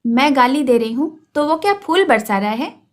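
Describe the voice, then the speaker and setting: A woman's voice: high voice, expressive, normal speed. A woman voicing a fierce, defiant village mother who scolds in a heated storybook reading. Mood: furious.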